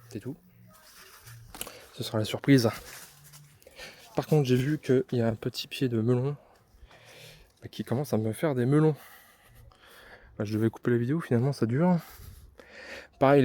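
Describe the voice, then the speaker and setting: A man's voice: mid-range voice, dark tone. A man from France giving a casual, hesitant tour of his vegetable garden as a vlogger, filming on a phone outdoors. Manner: chatty, hesitant with many fillers, self-deprecating. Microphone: handheld phone camera. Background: neighbours' party.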